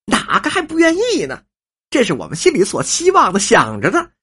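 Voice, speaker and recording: A man voicing a fussy, flattering old woman in a storybook reading, with a husky voice. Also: fairly quick, heavily acted. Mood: gushing. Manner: shrill, gushing and flattering.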